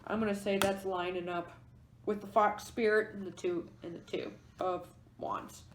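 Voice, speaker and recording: A woman's voice: mid-range voice, fairly even intonation, normal speed, noisy background. Tarot reader, female, mid-range voice, thinks aloud while walking through the cards; room with noticeable echo. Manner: musing, explains each card as she goes. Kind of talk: pick-a-card tarot reading to camera. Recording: echoey room.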